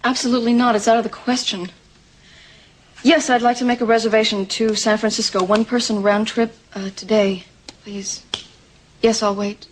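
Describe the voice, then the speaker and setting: A woman's voice: a little high, level tone, moderate pace, a little hiss or hum, natural voice, rough recording. An actress playing an anxious, proud young pregnant woman in a 1980s soap opera, talking hesitantly with stumbling restarts. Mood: anxious, defensive.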